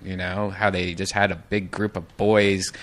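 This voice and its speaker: Man with a bright lowish voice. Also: level tone, measured pace. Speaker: podcast co-host. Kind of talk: casual podcast chat.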